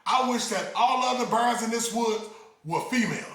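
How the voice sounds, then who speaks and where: A man's voice: very high voice, normal speed, a bit bright. A man voicing a vain, scheming male bird who eagerly makes his wishes. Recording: very echoey room.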